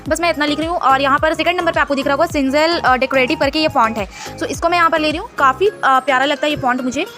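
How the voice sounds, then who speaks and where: A woman's voice: sits high, fast talker, over music. A woman hosting a screen-recorded design tutorial, chatty and instructive, mixing English words into her Hindi.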